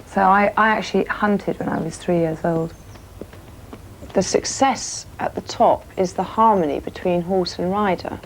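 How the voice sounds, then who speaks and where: A woman's voice: fairly low pitch, fairly even intonation, a little slow, vocal fry, slight background noise, low-quality recording. Candid woman recalling her riding. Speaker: event rider. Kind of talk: documentary interview.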